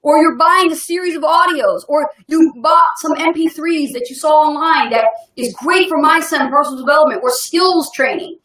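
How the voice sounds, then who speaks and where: Upbeat lady cohost on a webinar, high voice, laughs a lot, pushy motivational talk. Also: moderate pace, hardly any pauses, fairly bright tone, roomy sound, raised voice. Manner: upbeat, emphatic, laughs often. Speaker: co-host of online business webinar.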